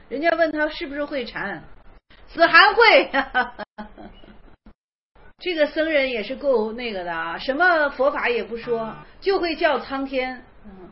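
A woman teaching Chan koans in an online class, speaking colloquially, repeating phrases and acting out the dialogue. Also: sits high. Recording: dull lo-fi recording.

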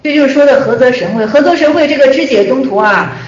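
A woman with a high voice lectures quickly and conversationally on Buddhist texts. She repeats her phrases and answers her own questions. The room is echoey and the recording sounds dull and lo-fi. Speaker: Buddhist teacher.

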